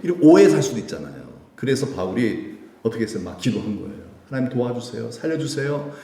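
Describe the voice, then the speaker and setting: A pastor with a lowish, mellow, sing-song voice preaches quickly at a midweek prayer service. He throws rhetorical questions at the congregation and performs the prayers he quotes, and his words echo around the church sanctuary.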